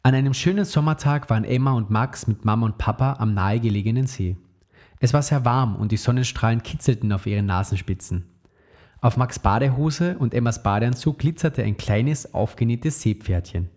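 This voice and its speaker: A man narrating a children's story aloud in a steady, clear read-aloud manner. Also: mid-range voice, fairly quick.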